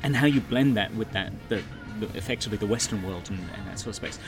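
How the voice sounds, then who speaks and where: An English podcast host hosts a casual interview at an outdoor cafe, his lowish voice fast and heard over music, with cafe and traffic noise around. He's chatty, with rambling lead-ins.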